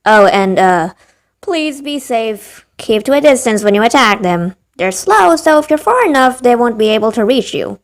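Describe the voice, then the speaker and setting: A woman's voice: fairly high pitch, expressive, moderate pace, hardly any pauses. A woman narrating a ranking of game creatures, with wry, rambling asides in a voice she herself calls tired and dead. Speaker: gaming video narrator. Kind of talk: scripted game ranking commentary.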